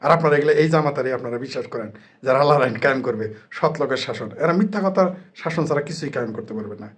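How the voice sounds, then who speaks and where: A political commentator delivers an angry monologue, fast and in a mid-range voice. He is sarcastic and combative, full of mockery and jabs.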